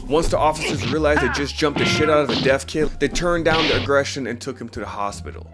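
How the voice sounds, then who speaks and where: A man's voice: medium pitch, quick pace, over loud music. A man narrating a news story with sarcastic commentary and mock-serious asides. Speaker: commentary video host.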